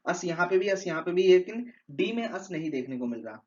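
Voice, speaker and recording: A man's voice: high voice, expressive, a little fast. Man teaching exam vocabulary, lo-fi. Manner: explains step by step, repeats words often, mixes in English phrases. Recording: dull lo-fi sound.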